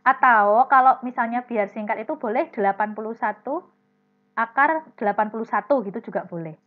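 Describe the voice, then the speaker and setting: Teaching a primary class by video call, a woman with a fairly high voice moves briskly, explaining each step and addressing students by name. The call audio is dull and lo-fi.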